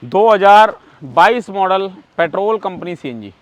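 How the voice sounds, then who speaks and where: A man's voice: sits high, expressive, measured pace, no room sound. A man giving an unscripted sales walkthrough of used cars, assuring the buyer and listing details in short bursts. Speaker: used-car auction yard representative.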